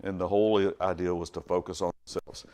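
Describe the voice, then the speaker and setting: Brief: middle-aged man, casual Bible class teacher, folksy and joking, loud bursts that drop to quiet asides. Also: sits low, flat delivery, fairly quick. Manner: wide swings in loudness, from loud bursts to quiet stretches.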